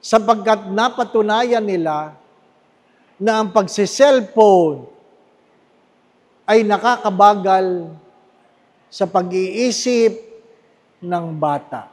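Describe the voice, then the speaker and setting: A Filipino man preaches a homily with a high voice and a slow, emphatic pace, often turning to the congregation with little questions. He repeats his key phrases for weight. His voice carries with the long echo of a big church. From Philippines. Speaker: priest. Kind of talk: sermon. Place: large church with long reverb. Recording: echoey church hall.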